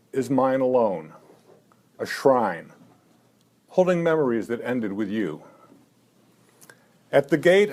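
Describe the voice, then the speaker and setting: A poet in his seventies speaks at a live reading, talking haltingly between poems with plenty of "uh" fillers and dry, self-mocking asides. His voice is medium in pitch and darkish in tone, and he lifts it when he reads the verse.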